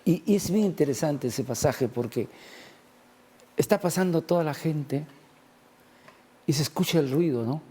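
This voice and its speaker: A man's voice: fairly high pitch, unhurried, long pauses, dark tone, husky. A man in a conversational religious talk, discussing faith and healing and retelling gospel scenes with acted-out quotes.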